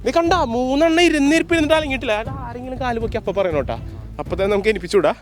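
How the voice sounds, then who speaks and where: Hosting an ice sofa challenge, a man with an extremely high voice talks very fast, teasing the contestants playfully and pumping them up with sung sound effects.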